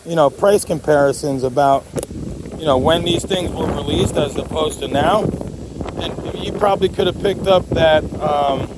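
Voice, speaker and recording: A man's voice: a little high, unhurried, very noisy. A man chatting casually to viewers as a hobbyist vlogger, in a rambling, jokey way. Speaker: amateur radio hobbyist vlogger.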